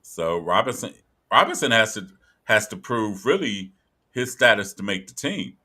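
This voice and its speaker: Guy on a sports podcast, lowish voice, bright and punchy, reads bits off an article. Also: big pitch swings, moderate pace, slightly rough. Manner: conversational, reads from an article, repeats phrases for emphasis. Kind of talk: casual sports talk.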